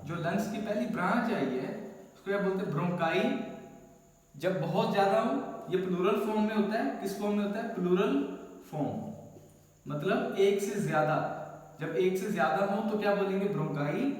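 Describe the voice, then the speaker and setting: Male science tutor, high voice, repeats key slowly; recorded in a very reverberant room. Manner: asks questions then answers them himself. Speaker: science teacher. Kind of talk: classroom lecture. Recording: very echoey room with long reverb.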